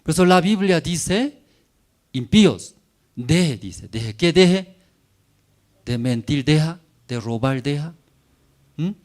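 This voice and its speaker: A man preaching a sermon in a church, his delivery unhurried and drawn out. His pitch swings widely from phrase to phrase as he builds each point. He speaks in short, choppy, simple phrases and keeps tossing quick tag questions to the congregation. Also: lively intonation, a little mellow. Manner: checks in constantly with tag questions.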